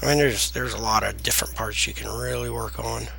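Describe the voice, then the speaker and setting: A man with a deep Southern US accent and slightly slurred S sounds, giving a casual, halting, rambling software tutorial. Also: steady tone, vocal fry, a little hiss or hum, low-quality recording. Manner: halting, rambling delivery with trailing sentences. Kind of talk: casual unscripted screen tutorial.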